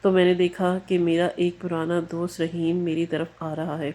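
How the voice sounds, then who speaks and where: Somber woman storyteller, low and mellow. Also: flat delivery. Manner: somber, grave. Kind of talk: scripted narration of an emotional story.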